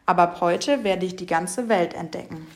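A woman's voice: lowish voice, normal speed, a little hiss or hum, lightly acted. A woman voicing a cheerful, proud little male butterfly who giggles.

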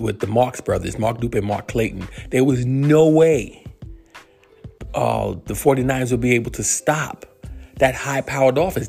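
In a solo sports commentary monologue, a New York podcast host in his fifties speaks with a gravelly, darkish, medium-pitched voice. His delivery rambles, full of fillers and restarts.

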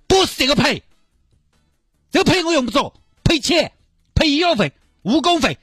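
A man voicing a whiny, demanding young girlfriend in a shrill falsetto with a Sichuanese accent. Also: big pitch swings, moderate pace, fairly bright tone, no room sound, clean studio sound, soft background music, exaggerated voice. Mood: indignant. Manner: shrill falsetto, nagging and sulky.

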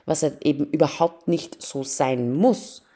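A woman in her 30s with a low, unhurried, mellow and slightly rough voice interviews a guest casually. She explains ideas about language teaching in a lecturing way, focusing on multilingual teaching.

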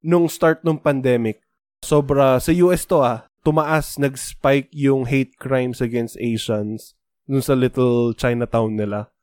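A man's voice: mid-range voice, steady tone, slow pace, a little mellow, no room sound. A man with a Filipino accent co-hosting a casual podcast, explaining at length and mixing Tagalog and English. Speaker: podcast co-host.

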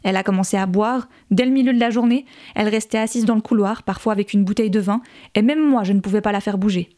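A coarse middle-aged father full of contempt, voiced by a woman narrating a novel. He speaks bluntly and with false warmth, in a mellow and rather dark voice. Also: mid-range voice, quick pace, lightly acted. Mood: bitter.

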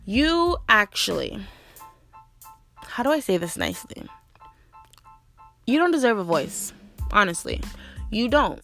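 A woman's voice: medium pitch, very animated, measured pace, vocal fry, pauses often, fairly bright tone, soft background music. A young woman hosting a podcast, ranting bluntly with lots of profanity and frequent "like". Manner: blunt, profane, repeats "like" often. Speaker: podcast host. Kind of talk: ranting monologue.

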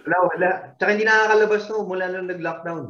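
A man's voice: high voice, steady tone, racing, bright, forceful tone, a little hiss or hum. A man guest in a casual chat among old friends, answering in short, easygoing replies. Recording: echoey, dull call audio.

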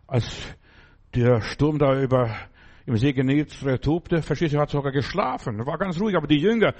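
Middle-aged male preacher, slightly high voice, emphatic exhortation with loud acted-out commands. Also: normal speed. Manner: exhortative, addressing listener directly with frequent "Ja?"; acts out quoted commands loudly. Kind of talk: sermon.

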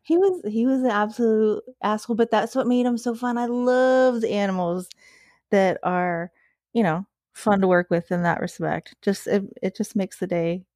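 A woman from Florida, a former zookeeper, chatting casually and bluntly with lots of swearing, halting restarts and frequent laughter. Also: medium pitch, a little mellow, no echo, studio quality. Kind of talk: casual chat.

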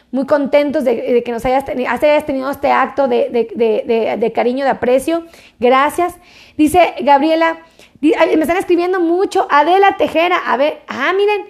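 A woman with a high voice hosts a live stream and reads out her viewers' comments. She greets each of them effusively and affectionately, like a doctor chatting with her followers. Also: creaky, darkish tone.

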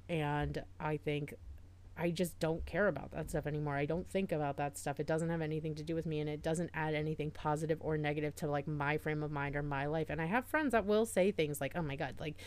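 A woman's voice: deep voice, darkish tone, clear, resonant tone. A woman co-hosting a podcast in casual chat, talking earnestly with lots of "like" fillers. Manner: chatty, heavy use of "like", earnest and reassuring. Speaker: podcast co-host.

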